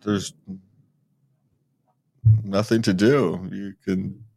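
A man's voice: deep voice, very slow, creaky. An older man co-hosting a podcast, chatting casually and laughing often. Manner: relaxed, joking, laughs often. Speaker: podcast co-host. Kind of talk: casual chat.

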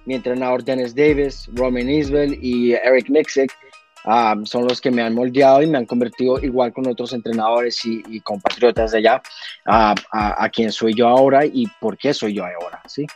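A man in his twenties from Colombia, a guest talking in a relaxed, earnest way. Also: medium pitch, moderate pace, faint music behind. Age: 20s. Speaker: guest, fighter. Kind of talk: casual interview.

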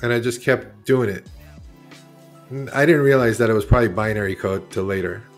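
A man's voice: fairly low pitch, fairly quick, faint music behind. A man in his forties, originally from Iran, talking as a guest artist in a casual interview, rambling and correcting himself as he goes. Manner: rambling, candid, self-correcting.

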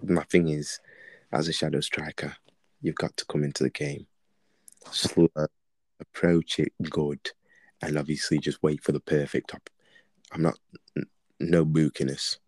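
Very deep-voiced young Londoner, halting delivery. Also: male voice, little pitch movement, dry recording. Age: young adult. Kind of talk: casual banter chat.

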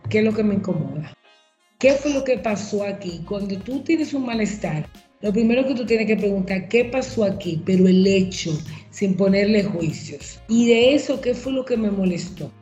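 A woman counselor with a warm, mellow voice speaks in a measured, explanatory way and poses reflective questions. Her voice sounds roomy and a little dull, as if recorded in an echoing space. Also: mid-range voice. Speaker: guest counselor on relationships. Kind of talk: advice talk on a show.

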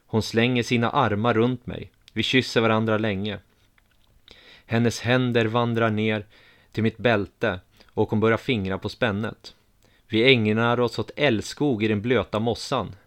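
A man calmly reading a first-person story aloud in an even, measured way. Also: fairly low pitch. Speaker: narrator.

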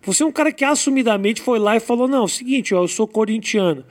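A man interviewing a guest in a casual chat. His voice is quite high for a man and very lively in pitch. He asks pointed questions and teases his guest. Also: fast. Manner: jokey, teasing, direct questions. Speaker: interviewer, host.

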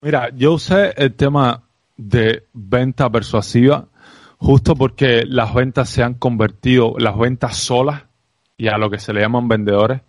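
A man with a Cuban accent, a guest on a podcast, talks about sales in an animated, reflective way, often asking "¿sabes?". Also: mid-range voice, a little slow, dry recording. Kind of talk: casual interview conversation.

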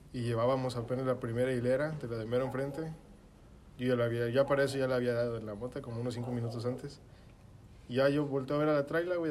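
A man's voice: mid-range voice, background noise. A young man with a Mexican accent telling a story to friends in casual, slangy chat full of swearing. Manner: slangy, swearing, acts out his own shouting in quotes.

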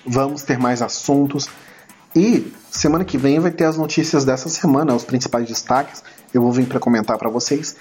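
A Brazilian man with a hoarse, failing voice hosts a solo podcast, talking informally and a little hesitantly straight to his listeners. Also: mid-range voice, darkish tone. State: hoarse failing voice from throat trouble. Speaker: podcast host. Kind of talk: casual solo film review podcast talk.

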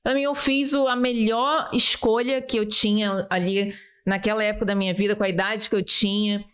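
A woman's voice: medium pitch, steady tone, moderate pace, a bit bright, smooth. A woman of about thirty with a Brazilian Portuguese accent, chatting earnestly and casually as a podcast host, repeating words for emphasis. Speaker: podcast host, military exam course teacher.

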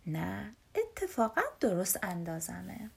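A woman's voice: mid-range voice, big pitch swings, vocal fry, a little hiss or hum, voice pushed down. A woman voicing a big brother bear. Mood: playful. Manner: shouts, then turns gentle. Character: big brother bear, young, proud, quick-tempered.

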